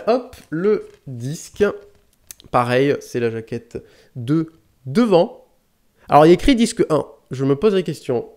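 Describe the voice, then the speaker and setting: A man's voice: medium pitch, a little mellow. A man hosting a casual unboxing vlog, rambling and chatty, swearing lightly and often correcting himself as he talks into a close desk mic. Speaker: YouTube DVD collector host.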